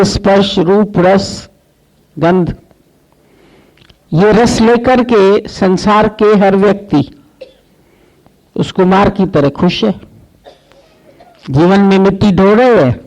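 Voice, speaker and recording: Slow-spoken woman giving a spiritual talk. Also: medium pitch, darkish tone, rough recording. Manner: storytelling, acting out dialogue. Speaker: spiritual teacher. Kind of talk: devotional sermon with parable.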